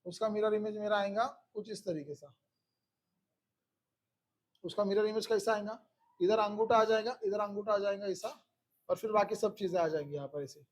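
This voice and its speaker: A man's voice: sits high, moderate pace, pauses often. A man teaching a physics class who keeps repeating questions to his students and coaxing them along.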